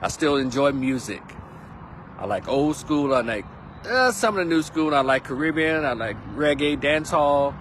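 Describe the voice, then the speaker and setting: A man's voice: a little high, lively intonation, moderate pace, a bit bright, a little hiss or hum. A man, chatting casually as a vlog host, rambling and laid-back with plenty of slang. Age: 50s. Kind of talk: casual monologue. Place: outdoors on a windy day.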